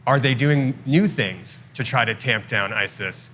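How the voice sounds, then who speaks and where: A man's voice: mid-range voice, measured pace, fairly bright tone, a little hiss or hum. A man hosting the interview, asking questions in an inquisitive, casual way. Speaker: host.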